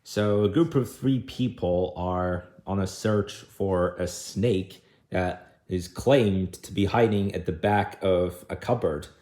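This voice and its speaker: Unhurried low-voiced man chatting. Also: no room sound. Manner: rambling, narrating what is in front of the camera. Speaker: vlogger. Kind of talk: casual video diary chat. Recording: faint background ambient noise.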